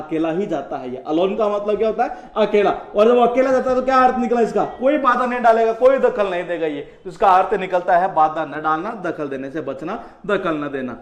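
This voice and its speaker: High-voiced teacher in echoey room. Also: male voice. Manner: repetitive, explains with rhetorical questions. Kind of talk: exam-prep vocabulary lesson.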